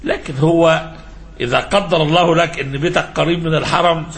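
A man with an Egyptian accent acts as a sheikh giving an informal religious lesson, halting and didactic, prompting listeners with questions and blending classical with colloquial speech. His voice is fairly high and a bit bright with fairly even intonation, and there is a little hiss or hum.

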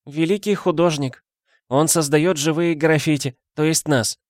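A man's voice: a little high, unhurried, no room sound, clean studio sound, pitched above the performer's own voice, natural voice. A man voicing a sad, tearful painted little girl who whimpers and pleads meekly in a storybook reading. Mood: proud. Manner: whimpering, plaintive. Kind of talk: audiobook character voice.

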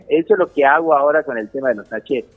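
An Argentine comedian telling a story on a radio show, acting out the lines of the people in it. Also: male voice, mid-range voice, quick pace, faint music behind. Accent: Argentine Spanish. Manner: animated storyteller acting out dialogue. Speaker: comedian guest. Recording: tinny phone line.

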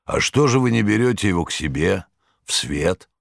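A man's voice: deep voice, expressive, moderate pace, creaky, no echo. A man reading an audiobook, voicing a cold, commanding male devil who speaks curtly and mockingly. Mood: sardonic. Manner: curt, dry, mocking. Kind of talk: audiobook character voice.

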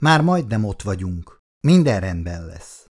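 A man's voice: on the low side, sing-song, darkish tone. A man voicing a desperate father who urges and reassures his daughters as they flee, reading from an audiobook. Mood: reassuring. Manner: urgent, pleading.

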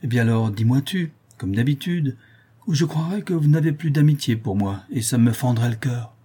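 A man's voice: mid-range voice, lively intonation, normal speed, warm tone, breathy edge. A man reading an audiobook and voicing a sardonic young male criminal who taunts and wheedles. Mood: mocking. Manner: taunting, sing-song and wheedling. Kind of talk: audiobook character voice.

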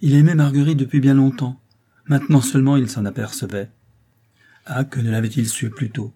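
A man narrating a novel as an audiobook reader, in a calm, measured delivery. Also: mid-range voice.

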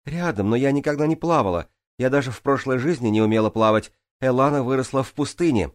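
A man's voice: medium pitch, quick pace, no room sound, clean studio sound, voice pushed up, natural voice. A man voicing a nervous young noblewoman adventurer in an audiobook, calling out in a raised, strained voice. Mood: defensive. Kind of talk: audiobook character voice.

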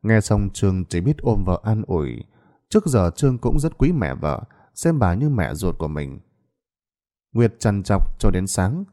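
Low dark-voiced male ghost storyteller. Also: unhurried. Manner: expressive, dramatic reading. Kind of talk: scripted ghost story narration. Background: faint background music.

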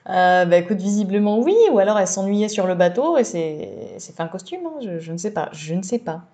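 A woman with a mellow, warm voice co-hosting a casual book podcast. She makes easygoing, wry remarks and often lets her sentences trail off softly. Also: mid-range voice, brisk. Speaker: podcast co-host.

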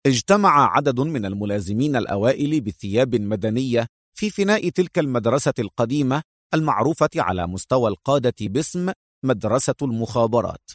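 A man narrating an audiobook novel in a measured, expressive reading voice. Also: medium pitch, dry recording, studio quality.

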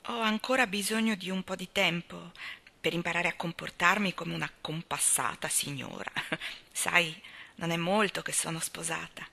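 A cheerful, dreamy young newlywed, read by a woman. The voice sits low with some gravel, but its tone is bright and lively. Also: normal speed, full character voice. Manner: lively, laughing.

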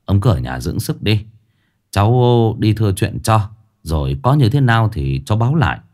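A man's voice: lowish voice, very animated, moderate pace, darkish tone. A man voicing an easygoing young rural man who speaks politely and placatingly to his elder brother.

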